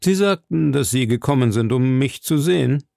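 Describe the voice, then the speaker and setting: A man playing a coldly mocking aristocratic lord who speaks in a smooth, measured and sneering way. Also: mid-range voice, animated, warm tone, no room sound, clean studio sound, pitched above the performer's own voice.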